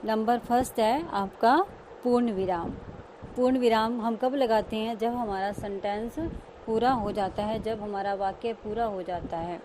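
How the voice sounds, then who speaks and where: A woman's voice: fairly high pitch, fairly even intonation, a little slow, dark tone, slight background noise. A woman school teacher giving a grammar lesson, explaining each term and repeating key words.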